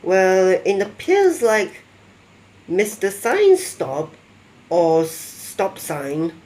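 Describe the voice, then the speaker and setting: A man telling a rambling mock-documentary story in halting, non-native phrasing, acting out quoted lines. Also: high voice, very animated, darkish tone. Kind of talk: improvised storytelling narration.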